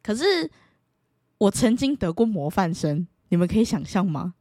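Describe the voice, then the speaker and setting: Animated woman storyteller. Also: a little fast, no echo, studio quality. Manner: animated, playful, bursts into high excited exclamations. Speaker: vlogger. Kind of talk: casual storytelling to camera.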